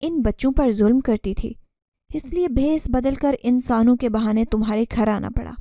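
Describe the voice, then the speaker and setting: A woman's voice: a little high, moderate pace, no room sound, clean studio sound, natural voice. A woman doing an angry male jinn servant. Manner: shouting, commanding.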